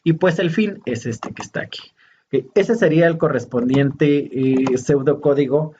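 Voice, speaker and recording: A man teaching a programming lesson over a screen recording, talking slowly and hesitantly as he points out each step. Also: fairly high pitch, dark tone, lo-fi sound, a little hiss or hum. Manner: slow, hesitant, pointing out steps.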